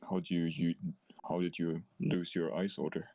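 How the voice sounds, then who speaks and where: Hesitant, very deep-voiced man role-playing. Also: little pitch movement, mellow, dry recording, faint music behind. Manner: halting, hesitant, repeats words. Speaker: player. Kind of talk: tabletop role-play, in-character dialogue.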